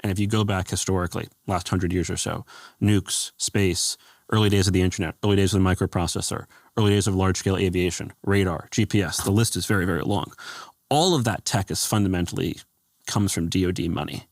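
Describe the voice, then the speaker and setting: A man talking as an interview guest, a former government adviser, answering in a measured, thoughtful way with frequent fillers. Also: deep voice, steady tone, no room sound, clean studio sound.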